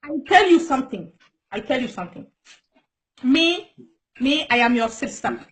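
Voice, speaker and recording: A woman's voice: high voice, lively intonation, moderate pace, a bit bright. A Djiboutian woman whose first language is Somali, hosting a casual live-stream chat in broken English, repeating herself and coaxing her guest.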